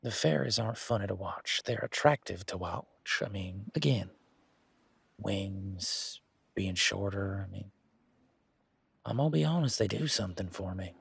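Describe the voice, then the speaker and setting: Man playing Gavin, gravelly low-voiced flirty werewolf. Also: animated, unhurried, fairly bright tone, no echo, full character voice. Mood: amused, flirty. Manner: teasing, informal, conversational. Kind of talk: roleplay audio drama, one side of a dialogue.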